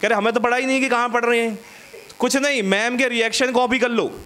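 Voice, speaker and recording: High-voiced chatty male stand-up comic. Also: steady tone, a little fast, bright, forceful tone, clear, resonant tone. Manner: chatty, bantering with the audience, storytelling. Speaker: stand-up comedian. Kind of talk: stand-up comedy set. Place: small comedy studio stage.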